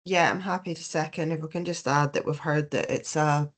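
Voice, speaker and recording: A woman, a board member, speaking briskly and matter-of-factly. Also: deep voice, fairly even intonation.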